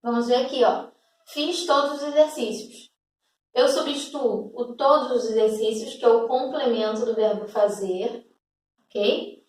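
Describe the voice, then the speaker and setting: A woman teacher explains a grammar rule to schoolchildren one step at a time. She checks in often to make sure they follow. Her fairly high voice sits back from the mic in a strongly echoing room. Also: unhurried, a little mellow, far from the mic. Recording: echoey room, away from the mic.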